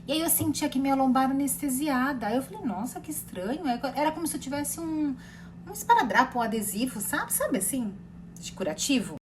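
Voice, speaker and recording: A woman's voice: high-pitched, brisk, a little hiss or hum. Chatty Brazilian woman recounting experiences. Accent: Brazilian Portuguese. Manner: rambling, animated, many fillers and repetitions. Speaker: therapist sharing personal experience. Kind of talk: casual personal storytelling.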